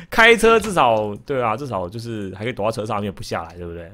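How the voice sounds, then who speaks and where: Stammering, lively Taiwanese-accented male streamer. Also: on the low side, a little fast. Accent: Taiwanese Mandarin. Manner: animated storytelling with frequent stammered repeats; jokes with the chat. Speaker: game streamer. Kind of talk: casual livestream chat while gaming.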